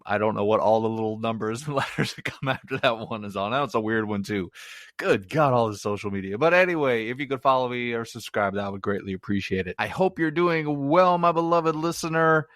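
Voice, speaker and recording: A man's voice: mid-range voice, a little fast, a bit bright, no echo, studio quality. A man hosting his own movie review podcast, chatty and rambling, with self-mocking asides. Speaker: podcast host.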